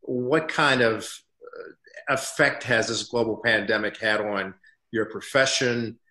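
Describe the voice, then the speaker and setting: A man's voice: fairly low pitch, slow pace, pushed and bright, reverberant. A man in his sixties hosting a TV interview from a home study, speaking in a polished, encouraging broadcast manner. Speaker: TV news host.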